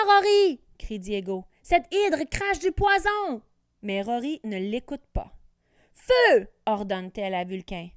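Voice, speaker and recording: Bright-voiced woman reading a storybook. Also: on the high side, no echo, clean studio sound. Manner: clear, careful diction with lively voices for characters. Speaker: teacher reading aloud. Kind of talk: storybook read-aloud.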